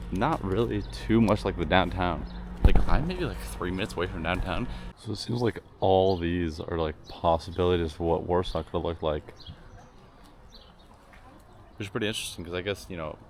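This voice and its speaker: Low-voiced young man rambling on a travel vlog. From Canada. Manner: relaxed, rambling with many fillers. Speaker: travel vlogger. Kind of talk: casual walking vlog. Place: city streets outdoors. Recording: noisy outdoor street recording.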